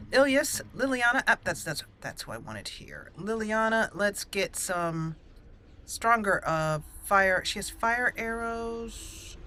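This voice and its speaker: Faint game music plays as this gaming channel host chats playfully through her gameplay and laughs at her own jokes. Her voice is on the low side, pushed and bright, and the recording carries a little hiss or hum.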